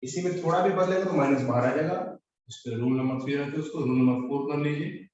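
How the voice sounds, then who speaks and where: A man teaches a maths class in a slightly high voice. His words ring out in a very echoey room, picked up from a distance on a muffled recording. He repeats each term and keeps checking that the students follow. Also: fast talker, a little mellow, a little hiss or hum. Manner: drills students, repeats key terms, asks if they follow. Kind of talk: classroom lecture.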